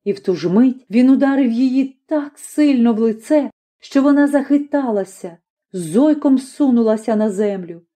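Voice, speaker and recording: A woman reading a classic story aloud as an audiobook narrator, in a measured and expressive way. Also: on the high side.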